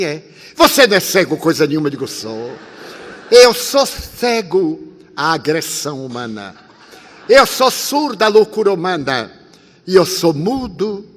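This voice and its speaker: A man in his eighties giving a spiritist sermon, telling a story with lively swings between loud and soft and acting out the dialogue. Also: high-pitched. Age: 80s. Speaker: spiritist speaker. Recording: long hall reverb.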